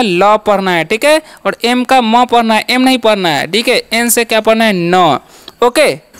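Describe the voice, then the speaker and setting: A man's voice: high-pitched, a bit bright, smooth. A man teaching English as a channel's teacher, drilling letter sounds with repeated questions and answers and frequent "okay" check-ins. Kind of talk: classroom-style lesson.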